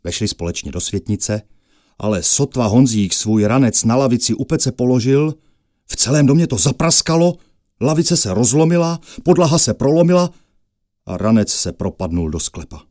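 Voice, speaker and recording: A man narrating a fairy tale with lively storytelling that rises with the action. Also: medium pitch, dry recording, clean studio sound.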